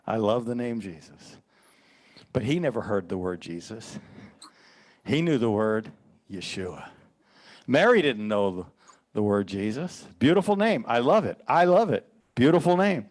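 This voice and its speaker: A man's voice: mid-range voice, expressive, a little slow, pauses often, a little mellow. A man preaching as a pastor, teaching earnestly and quoting scripture in a sermon.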